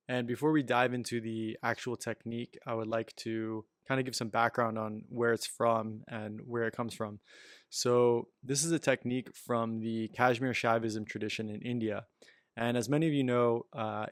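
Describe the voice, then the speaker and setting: A man's voice: on the low side, no room sound, studio quality. A man giving a casual, reflective spiritual talk as a meditation teacher, filling his sentences with "you know" and "um.".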